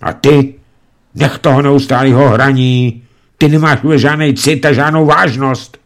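A man's voice: medium pitch, sing-song, gravelly, pitched above the performer's own voice. A man voicing a fretful, lamenting aristocratic mother in a storybook reading. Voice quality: wailing, whiny. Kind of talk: audiobook reading.

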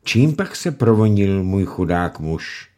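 A man reading a story aloud, voicing a sharp-tongued peasant wife in distress. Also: low voice, very animated. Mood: distraught. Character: distraught peasant wife, middle-aged woman. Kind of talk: audiobook reading.

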